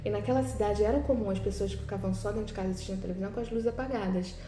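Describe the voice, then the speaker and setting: A woman's voice: medium pitch, rapid-fire. A woman teacher with a Brazilian Portuguese accent explains exercises step by step, often checking in with her students. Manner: explanatory, frequent "né?" and "tá?" check-ins. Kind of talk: recorded class lesson, correcting exercises. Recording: echoey room with faint background noise.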